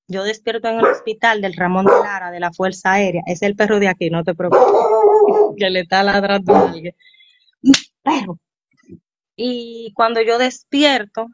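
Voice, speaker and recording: A woman, telling her story as an interview guest, animated and acting out the voices she quotes. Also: mid-range voice, no echo. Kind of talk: storytelling in casual chat. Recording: dull, slightly muffled sound.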